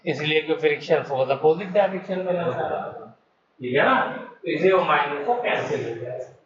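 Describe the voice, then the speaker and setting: A man's voice: fairly high pitch, expressive, normal speed, noisy background. A male teacher giving a classroom physics lesson, working through problems step by step and coaxing answers from his students. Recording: dull, echoey classroom recording.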